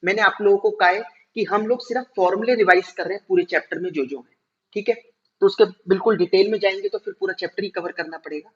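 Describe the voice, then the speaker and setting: Guy teaching a lesson, keeps asking if students got it, slows right down on key terms, muffled audio. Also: high-pitched. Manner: explains step by step, asks students questions. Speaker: commerce teacher. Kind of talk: classroom lecture. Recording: dull lo-fi recording.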